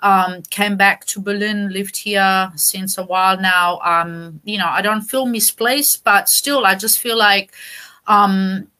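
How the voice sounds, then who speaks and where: A woman from Romania, a poet and performance artist, talking about her work on a video call with many pauses and fillers. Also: mid-range voice, steady tone, sharp tone. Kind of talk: online interview talk.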